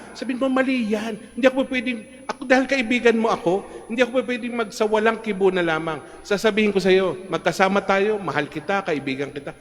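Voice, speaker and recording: Filipino priest preaching in a reverberant church. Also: male voice, fairly high pitch. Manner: conversational, mixes in English, asks "no?" of the congregation. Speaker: priest giving a homily. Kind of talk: sermon. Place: large church.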